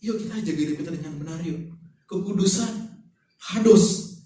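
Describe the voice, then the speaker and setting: A man's voice: fairly high pitch, rapid-fire, warm tone. A man preaching a sermon in a casual, joking way, with many rhetorical questions to the congregation. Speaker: pastor. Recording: echoey hall, voice from far off.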